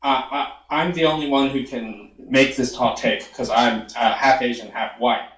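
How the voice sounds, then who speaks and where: A man's voice: mid-range voice, fairly even intonation, normal speed, a bit bright. Australian-accented man calling in, echoey. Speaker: caller. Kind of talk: casual chat.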